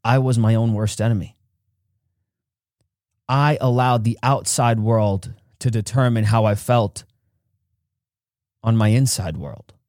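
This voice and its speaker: A man hosting a podcast, telling a personal story in an earnest way and acting out quotes with big jumps in pitch. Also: slow, long pauses, darkish tone, no room sound, studio quality. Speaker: podcast host.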